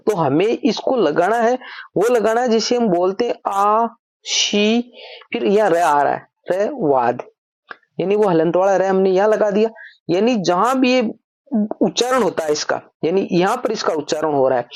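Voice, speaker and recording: Woman, grammar teacher, patient step-by-step lesson, asks and answers her own questions, medium pitch, dry close sound. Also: darkish tone, dry recording. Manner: repeats points as questions and answers them herself. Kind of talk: explanatory lesson.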